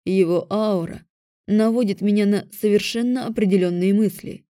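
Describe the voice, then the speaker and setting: A woman's voice: mid-range voice, fairly even intonation, moderate pace, warm tone, no echo, clean studio sound, lightly acted. Woman doing a weary stern dragon rector. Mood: instructive. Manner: tired, lecturing.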